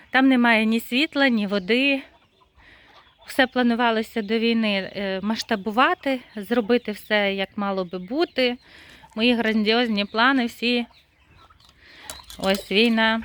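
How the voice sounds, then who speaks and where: A woman chatting casually in her yard while tending her birds, laughing often and calling them in a high singsong. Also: fairly bright tone. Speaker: poultry-keeping vlogger. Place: outdoor yard with poultry.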